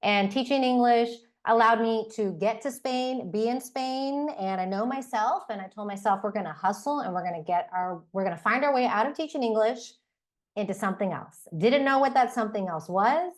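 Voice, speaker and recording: A woman's voice: on the high side, normal speed. Chatty American woman guest. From Texas, United States. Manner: chatty, uses like and you know. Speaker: podcast guest. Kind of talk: casual podcast interview.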